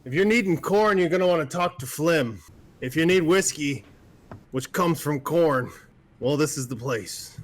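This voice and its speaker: A flustered tavern bartender, as a game master puts him on, his voice pitched up and strained. He sounds put out and harried. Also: lively intonation, moderate pace, close to an everyday voice. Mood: exasperated. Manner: exasperated, higher flustered voice. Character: flustered middle-aged male tavern bartender.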